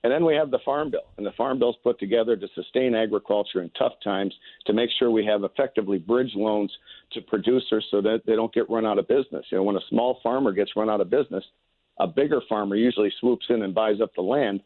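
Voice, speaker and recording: A man's voice: on the low side, fast talker, no echo. An American man giving political interview answers as a candidate over a phone line, in folksy stump-speech phrasing with hesitant repeats. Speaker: political candidate, radio guest. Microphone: telephone. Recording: narrow tinny phone line.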